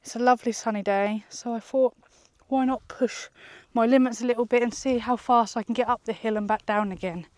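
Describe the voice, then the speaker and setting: A woman's voice: on the high side, fairly even intonation, fairly quick, a little mellow, no room sound. A woman from the UK chatting to camera in a vlog while out walking. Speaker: vlogger. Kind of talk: casual vlog talk to camera. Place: outdoors on a hill walk.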